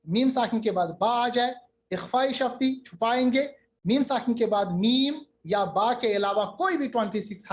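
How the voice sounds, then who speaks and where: High-voiced man teaching recitation rules. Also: slight background noise. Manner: patient, repeats each rule step by step. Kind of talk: tajweed lesson with slow chanted recitation.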